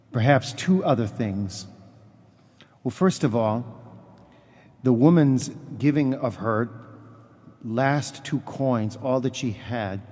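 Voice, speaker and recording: Male priest for a homily: medium pitch, very unhurried, halting delivery, long church reverb. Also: warm tone. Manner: halting, pausing mid-sentence.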